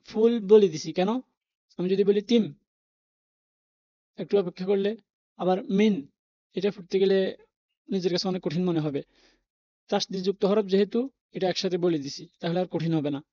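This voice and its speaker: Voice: mid-range voice, normal speed, long pauses, mellow, no echo. A patient teacher spelling out Arabic letters and vowel marks one by one in a Quran reading lesson, reassuring learners that it is not hard. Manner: reassuring, talks the learner out of worry. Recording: dull, lo-fi recording.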